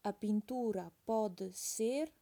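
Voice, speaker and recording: Woman teacher, dictation pace, each phrase said twice with punctuation spoken; unhurried, warm tone. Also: medium pitch, vocal fry. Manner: repeats each phrase slowly, calling out punctuation. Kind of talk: slow dictation with punctuation read aloud.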